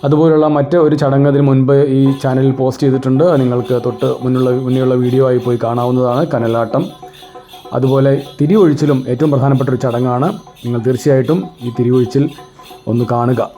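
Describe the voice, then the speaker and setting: Guy from kerala explaining stuff to his viewers, soft dark mellow voice, mid pitch. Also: flat delivery, a little fast, faint music behind. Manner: explanatory, addresses viewers directly. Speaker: channel host. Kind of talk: informal explanatory narration for viewers.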